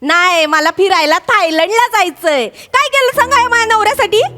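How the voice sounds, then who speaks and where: An actress playing a village daughter-in-law who insists on being heard in a stage comedy sketch. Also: female voice, extremely high pitch, animated, fairly quick, bright, forceful tone, heavily acted. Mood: indignant. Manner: insistent, talks over others. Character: shrill village daughter-in-law defending husband. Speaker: comic actress. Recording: stage with music.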